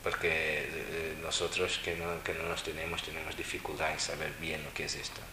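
A man's voice: very deep voice, flat delivery, moderate pace, sharp tone, slight background noise. A man giving a Buddhist dharma talk, teaching with wry, mocking asides. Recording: roomy echo with faint ambience.

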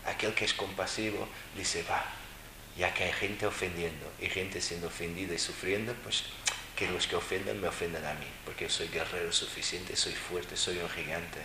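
A man's voice: sits low, steady tone, normal speed, noisy background. A man giving a Buddhist dharma talk, teaching with wry, mocking asides. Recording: roomy echo with faint ambience.

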